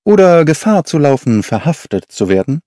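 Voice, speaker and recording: A man plays Sherlock Holmes, a brisk and eager detective. He speaks with lively rises and falls and asks pointed questions. His tone is mellow, recorded dry and close. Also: a little high, no echo.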